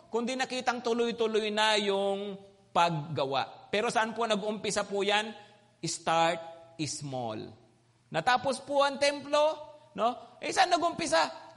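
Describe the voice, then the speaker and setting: A male preacher giving an animated sermon, mixing in English phrases and checking in with the crowd. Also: extremely high pitch. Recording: long hall reverb.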